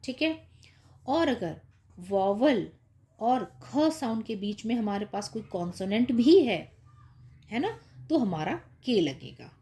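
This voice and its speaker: Woman teacher, unhurried, a touch high; patient, repetitive spelling lesson for small children. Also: sing-song, warm tone. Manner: patient, repeats with "ठीक है" and "है ना" checks. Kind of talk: explaining spelling rules to young kids.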